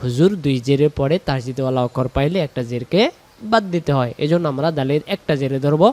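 A man, teaching Quran recitation. He explains the rules briskly, then chants the verses slowly and drawn out. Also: medium pitch, darkish tone.

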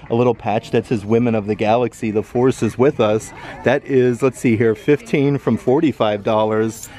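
Male vlogger, mid-pitched, cheerful store walkthrough, handheld camera mic indoors. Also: warm tone. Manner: upbeat, enthusiastic, reads out prices. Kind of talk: walkthrough shopping vlog narration. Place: indoor retail outlet store. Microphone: handheld camera mic, filming himself browsing.

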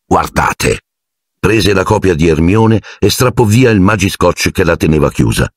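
A man reading an audiobook in expressive scripted narration on a close, dry studio mic. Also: low-pitched, moderate pace, no room sound. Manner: expressive storytelling, acting out each character. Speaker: audiobook reader.

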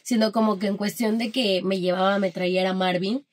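A woman's voice: mid-range voice, brisk. A woman with a Mexican Spanish accent talks as a guest in a casual interview. She tells stories with energy and plays out each exchange in the voices of the people involved. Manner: animated storytelling that acts out quoted dialogue.

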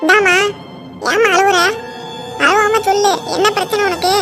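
Cartoon role, played by a woman: a bossy older village woman, shrill and high, over background music. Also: steady tone, normal speed. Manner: bossy, scolding, sharp commands. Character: bossy, scolding old village mother-in-law. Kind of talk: cartoon voice acting.

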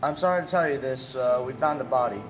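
A man's voice: medium pitch, quick pace, faint music behind, lightly acted. A teenage boy acting as an apologetic young police officer in a student film, matter-of-fact. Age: teens.

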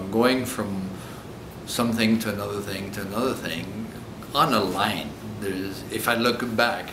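A man in his sixties with a French accent speaks in a very low, deep voice, earnest and thoughtful as he searches for his words. The room around him rings noticeably, and a steady low rumble hums underneath. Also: echoey room. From Egypt. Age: 60s. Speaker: coach. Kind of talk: reflective interview answers. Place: indoor hotel room.

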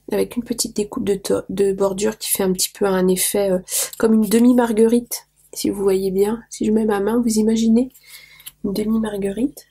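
A woman's voice: on the high side, dark tone, husky. A woman losing her voice, chatting casually to viewers as she opens mail and gushes over small details. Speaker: craft vlogger opening mail. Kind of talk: casual show-and-tell to viewers.

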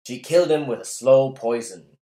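A man's voice: medium pitch, expressive, moderate pace, mellow, lightly acted. A man reading as an old man pleading for vengeance. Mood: accusing. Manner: impassioned pleading oratory. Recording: roomy echo.

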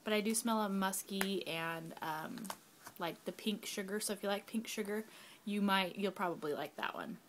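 A woman's voice: medium pitch, moderate pace. Young woman, casual candle review vlog, rambling fillers, home camera mic, faint background noise. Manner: chatty, rambling with fillers, drops to whispers. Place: home, kids nearby.

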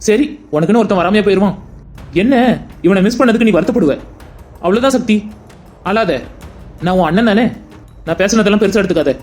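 A stern older brother in a family cartoon, played by a man lectures his sister with one rhetorical question after another. His voice sits high for a man and the words come quickly. Faint music plays beneath him. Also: darkish tone, natural voice. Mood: lecturing. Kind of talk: cartoon voice acting.

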